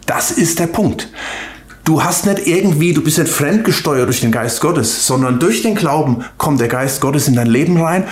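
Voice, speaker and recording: Fervent older man preaching in echoey room. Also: a little high. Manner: emphatic, fervent, addresses listener directly, repeats words. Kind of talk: sermon with prayer.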